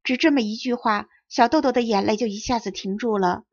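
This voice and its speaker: A woman reads a children's storybook aloud with clear, lively storytelling, her voice pitched a little high. The recording is close and dry, with a dull, lo-fi edge. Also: brisk, no echo. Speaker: audiobook narrator. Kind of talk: storybook narration.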